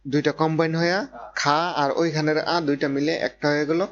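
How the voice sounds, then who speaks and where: A man's voice: a little high, flat delivery, quick pace. A man teaching a grammar lesson who keeps repeating points and asking if students follow. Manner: repeats points and checks understanding. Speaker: Korean language teacher. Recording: dull lo-fi recording with faint noise and hum.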